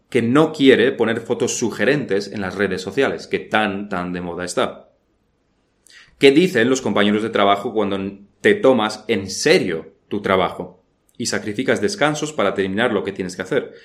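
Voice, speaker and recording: A man preaching a sermon in an earnest, firm way, asking many rhetorical questions. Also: lowish voice.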